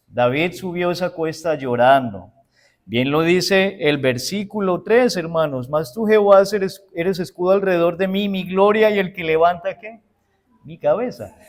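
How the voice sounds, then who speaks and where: A man preaching a sermon as pastor with a Uruguayan Spanish accent. He preaches emphatically, often asks his congregation rhetorical questions and answers them himself, and keeps calling them brothers and sisters. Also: on the high side. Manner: addresses listeners as brothers and sisters.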